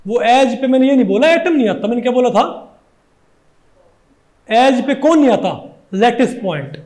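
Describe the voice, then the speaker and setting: A man's voice: extremely high pitch, expressive, moderate pace, a little mellow. A male chemistry teacher with a Hindi accent lecturing a class, who keeps asking rhetorical questions and repeating his points.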